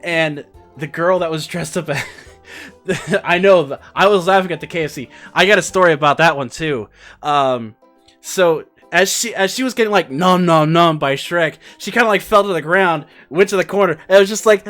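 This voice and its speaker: A young man vlogger telling a story in a casual, rambling way, excitable and full of fillers. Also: fairly high pitch, normal speed, faint music behind.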